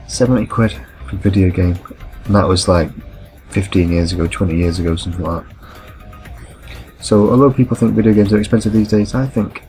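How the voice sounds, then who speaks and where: A man in his thirties with a very low voice, chatting his way through a gameplay video. He wanders off into long anecdotes and corrects himself as he goes. Faint game music plays underneath. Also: darkish tone, rough recording. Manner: rambling, anecdotal, self-correcting. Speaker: gameplay commentator. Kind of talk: casual storytelling over gameplay.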